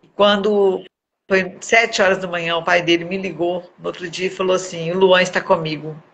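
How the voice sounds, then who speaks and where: Woman, middle-aged, gravelly creaky voice, earnest emotional testimony, halting repeats, live stream phone mic. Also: lowish voice, fairly even intonation, a little hiss or hum, poor audio. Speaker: guest giving a testimony. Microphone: phone or webcam on a live video.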